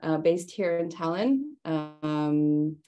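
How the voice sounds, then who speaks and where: A woman, speaking in a low, mellow voice. She presents a workshop in a chatty way, laughing lightly between phrases. Her delivery is loose and full of fillers. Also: slow, highs cut off. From Estonia. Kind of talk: conversational presentation.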